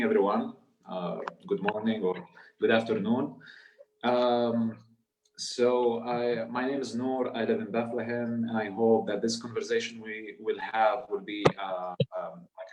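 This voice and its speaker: A man in his late twenties with a Palestinian Arabic accent, a tour guide telling his personal story on a video call, halting, with many fillers and restarts. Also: fairly low pitch, a little mellow, far from the mic, a little hiss or hum. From Jordan, Palestinian family. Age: 20s. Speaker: tour guide and guest speaker. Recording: echoey room, off the mic.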